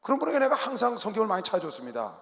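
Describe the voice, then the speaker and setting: A male pastor preaching a sermon, swinging between loud shouting and quiet, low asides. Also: huge pitch swings, racing. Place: large sports arena. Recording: long hall reverb from arena.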